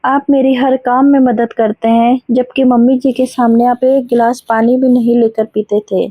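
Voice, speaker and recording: A woman's voice: a little high, level tone, normal speed, no echo, lo-fi sound, natural voice. A woman voicing a young, caring daughter-in-law who speaks politely and a little hesitantly, in a storybook reading.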